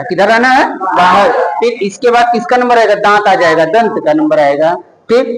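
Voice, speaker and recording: A man teaching a class, asking a question and then giving the answer himself, spelling out each item slowly and one by one. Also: high voice, echoey room, low-quality recording. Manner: repetitive question-and-answer drilling, slow deliberate spelling out. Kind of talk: classroom lesson with call-and-response drilling.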